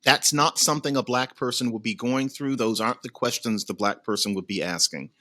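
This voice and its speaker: A man's voice: mid-range voice, a little fast, bright, forceful tone, dry recording. A man in his fifties, a podcast guest, giving opinionated, emphatic critique in casual chat. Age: 50s.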